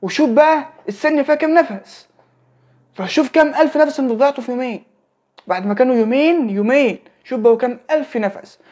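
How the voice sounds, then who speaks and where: Fast-talking Egyptian teen guy. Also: very high-pitched, a little mellow. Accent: Egyptian Arabic. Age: late teens. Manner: keeps checking in with "okay?" and repeats phrases. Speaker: religious advice speaker. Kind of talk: casual religious talk.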